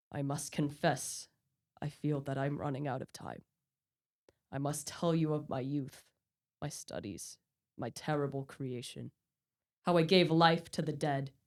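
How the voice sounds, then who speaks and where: In a theatrical radio play, a woman voices a dying male scientist bent on vengeance and obsessed with hunting down his creation, using a low, darkish voice. Weakened and confessing, he declaims in a solemn, anguished, melodramatic way.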